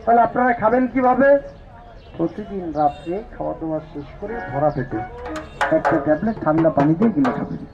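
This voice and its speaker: A muffled, lo-fi recording with loud music carries a man pitching herbal remedies like a loud carnival barker. His voice sits high, and he presses his listeners insistently, circling back over the same phrases. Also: expressive, fast. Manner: insistent, repetitive pitching to onlookers. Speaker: street canvasser selling herbal medicine. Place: outdoor village market. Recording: dull lo-fi sound with loud music.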